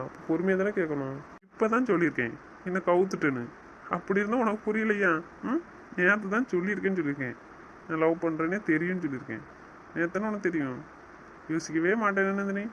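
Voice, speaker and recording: A man's voice: high voice, a bit bright, slight background noise, rough recording. A man playing a young newlywed husband who teases his wife and lectures her sternly in a romantic audio drama. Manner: teasing, then stern and scolding. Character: young husband, teasing yet bossy with his new wife.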